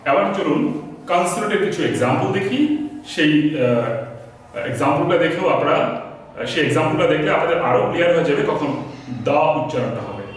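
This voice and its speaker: A man's voice: fairly high pitch, lively intonation, a little fast, slight background noise. Bangladeshi male English teacher at a board, repeats and spells out examples, recorded in a very echoey room from a distant mic. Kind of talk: spoken grammar lesson. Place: classroom with a board.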